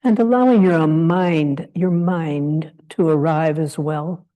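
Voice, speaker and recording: A deep-voiced woman guides a meditation as a teacher. She offers short, gentle invitations separated by long pauses.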